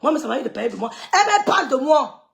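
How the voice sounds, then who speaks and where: A woman's voice: high voice, sing-song, fast talker, gravelly. A middle-aged woman, ranting scornfully on a live stream and scolding people she accuses of stirring up trouble. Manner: scolding, scornful, repeats dismissive sucks of the teeth. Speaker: social media gossip streamer. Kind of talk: heated live-stream rant.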